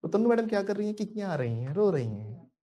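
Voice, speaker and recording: A man's voice: high-pitched, very animated, quick pace, mellow. A man from India teaching spoken English in a live class. He jokes, calls on students by name and drills them in repetition, switching between Hindi and English.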